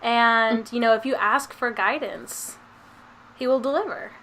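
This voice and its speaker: A woman hosting a casual interview, answering with quick, encouraging affirmations. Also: fairly high pitch. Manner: warm backchannels and quick affirmations, laughs along. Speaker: interview host.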